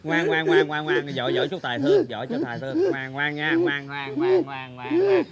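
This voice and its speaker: An actor playing a chatty middle-aged eatery owner with animated exclamations. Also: male voice, a little high, fast, highs cut off, crowd noise, lightly acted. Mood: soothing. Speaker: comedy sketch actor.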